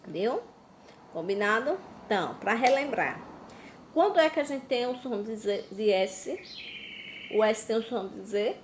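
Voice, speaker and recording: A Brazilian woman teaching a recorded class to young children, slow and patient, drawing out words. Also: on the high side, a little hiss or hum. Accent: Brazilian Portuguese. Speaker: primary school teacher. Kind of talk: recorded remote class lesson.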